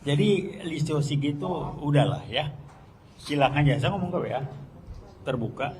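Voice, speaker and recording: An older man gives a fiery public speech, blunt, slangy and combative, with sharp bursts of emphasis. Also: a little high, animated, normal speed. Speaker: speaker at a public gathering. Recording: speech with crowd noise behind. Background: crowd noise.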